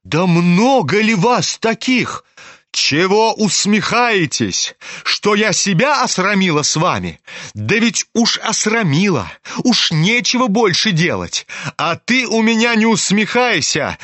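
An overwrought older noblewoman who scolds in high, drawn-out outbursts, as a male reader puts her on. The voice sits well above a man's usual pitch and is recorded close and dry, with no room around it. She sounds indignant and fussing. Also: big pitch swings, a bit bright, no echo, full character voice. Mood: scolding. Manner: shrill, scolding, drawn-out exclamations.

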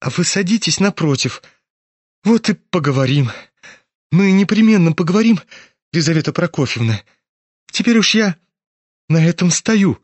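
Guy reading as a dying young man, hoarse and quiet, ironic and calm. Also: sits high, moderate pace, pauses often, dry recording. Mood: wistful.

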